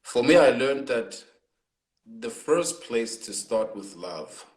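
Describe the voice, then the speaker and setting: Speaking slowly and expressively in a mid-range voice, a South African hip hop artist muses thoughtfully during a casual interview, his speech full of fillers. The call comes through a laptop or phone, so the sound is roomy and poor.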